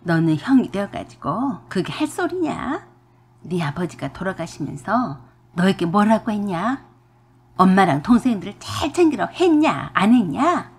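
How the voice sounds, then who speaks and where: A woman's voice: mid-range voice, animated, unhurried, husky. A woman voicing a pushy, greedy older mother-in-law who scolds and demands, in a radio drama reading. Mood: scolding. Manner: domineering, scolding, shouting.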